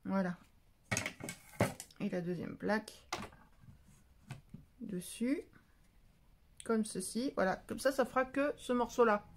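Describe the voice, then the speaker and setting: A woman's voice: fairly high pitch, slow, pauses often, slight background noise. A woman giving a casual step-by-step craft tutorial, chatty and often correcting herself mid-sentence. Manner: chatty, self-correcting, stumbles over words; scolds and coos at her cat between steps. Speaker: papercraft tutorial maker.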